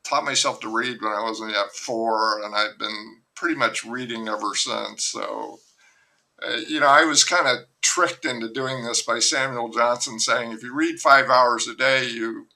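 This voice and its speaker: At a moderate pace, an older author being interviewed remotely tells long, wandering stories, frequently breaking off and restarting. The casual chat captures his mid-range, pushed, bright voice in poor audio.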